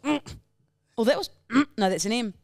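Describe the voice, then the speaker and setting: Animated young Kiwi woman, sweary banter. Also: fairly high pitch, fairly quick, dry recording, studio quality. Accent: New Zealand. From New Zealand. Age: young adult. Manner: blunt, sweary, playful. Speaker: podcast co-host. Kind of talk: casual banter. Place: indoor podcast set on couches. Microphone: close boom-arm podcast microphone.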